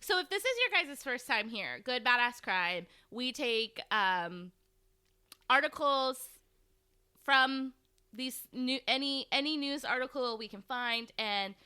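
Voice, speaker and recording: Woman, fairly high bright voice, unhurried, slangy, halting, giggly, casual podcast co-host. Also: animated, smooth.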